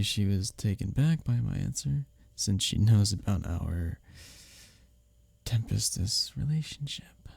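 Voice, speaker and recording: In an intimate ASMR audio drama, a man plays a male office rival who is secretly smitten beneath his teasing. His low, gravelly, mellow voice swings expressively as he speaks earnestly and close to the listener, with halting confessions, soft chuckles, and sighs. The performance is heavily acted and has no echo.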